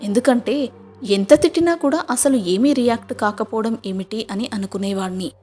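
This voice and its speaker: A woman narrating a scripted first-person moral story in a steady, measured reading voice. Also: fairly high pitch, faint music behind.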